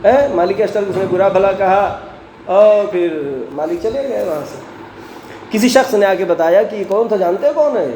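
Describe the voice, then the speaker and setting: The preacher's high-pitched, mellow voice echoes through a mosque hall with faint noise in the background. During his Friday sermon he questions the congregation and supplies the answers, reciting verses from the Quran.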